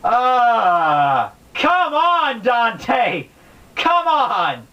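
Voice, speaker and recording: His pitch is extremely high and swoops wildly as he draws out his words, over dull audio with slight background noise. The man hosts a book summary series, giving rambling, slangy, unscripted explanations full of exaggerated exasperation.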